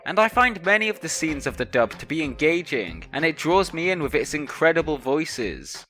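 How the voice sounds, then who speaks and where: A man's voice: a little high, sing-song, normal speed, sharp tone. A man narrating a scripted opinion piece as a video essayist. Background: music.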